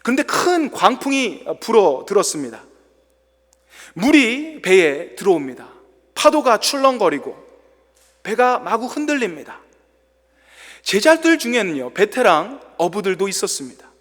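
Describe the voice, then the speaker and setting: In a church, a male pastor preaches a sermon, telling the story with dramatic flair in a high, fairly bright voice with big pitch swings. He speaks at normal speed with long pauses, and a long reverb from the hall trails after his words.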